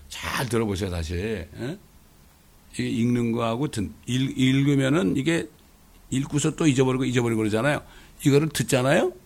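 A middle-aged male pastor preaching a sermon, animated, often tossing "eh?" to the congregation. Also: mid-range voice, gravelly. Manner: animated, rhetorical questions, frequent "eh?" asides.

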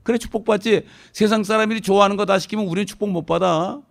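A middle-aged man preaching a sermon, conversational, dropping constant questioning prompts to the congregation and swinging between emphatic raised lines and quiet low asides. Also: fairly even intonation, fast talker, gravelly. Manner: tells anecdotes casually, with informal speech mixed in. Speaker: pastor.

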